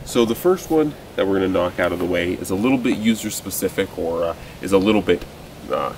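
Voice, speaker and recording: A young man sitting on a truck tailgate in a forest clearing, casually talking through his gear with fillers and restarts, recorded outdoors by a distant camera. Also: sits low. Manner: relaxed, conversational, with frequent fillers and restarts. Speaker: outdoors video host. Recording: distant mic with loud outdoor noise.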